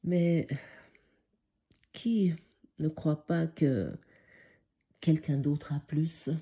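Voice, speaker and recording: Slow, dark-voiced woman with Swiss-tinged accent. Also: sits low. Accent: foreign French accent with Swiss tinge. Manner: hesitant, many fillers, musing. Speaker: spiritual course teacher. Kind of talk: reflective spoken lesson.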